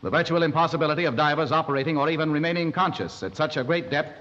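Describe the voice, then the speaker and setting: An actor playing a male radio announcer who reads urgent bulletins in a formal, measured way, heard over an AM radio set. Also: on the high side, fairly bright tone, soft background music. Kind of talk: 1930s film acting, broadcast announcement. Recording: dull hissy 1930s film sound.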